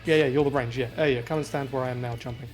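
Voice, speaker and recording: A man in a group voice chat lays out raid positions in a methodical, patient way, one step at a time. His voice sits at an ordinary middle pitch, with soft game music playing faintly underneath. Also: steady tone, racing. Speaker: raid leader.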